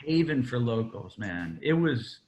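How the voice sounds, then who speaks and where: Rambling cigar maker telling stories. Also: male voice, mid-range voice, big pitch swings, unhurried, darkish tone. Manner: rambling storyteller, many fillers. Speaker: cigar maker, interview guest. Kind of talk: casual interview chat.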